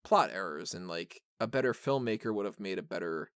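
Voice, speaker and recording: A deep-voiced male podcast host reviews a film in casual, unscripted chat, speaking fairly quickly and expressively, rambling with blunt opinions, the odd joke, and plenty of "like" and "kinda." The sound is clean studio quality with no echo.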